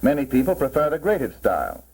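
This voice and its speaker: A man's voice: mid-range voice, wildly swooping pitch, fairly quick, darkish tone, slightly rough, full character voice. A man presenting as a proud company spokesman, narrating a 1940s promotional film in a formal, salesmanlike style. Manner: formal, salesmanlike, mid-century narrator delivery. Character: company man presenting his product with pride. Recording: muffled, worn 1940s film soundtrack.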